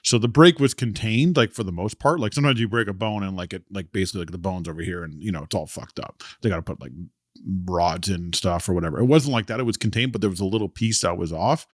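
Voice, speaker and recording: A young man co-hosting a podcast, telling a story in a casual, animated way, swearing freely and acting out what others said. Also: sits low, quick pace, no room sound, clean studio sound. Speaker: podcast co-host. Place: lives in Calgary.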